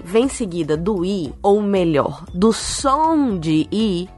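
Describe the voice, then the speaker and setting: A woman on a science podcast explaining an answer to a child in a patient, teacherly way. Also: mid-range voice.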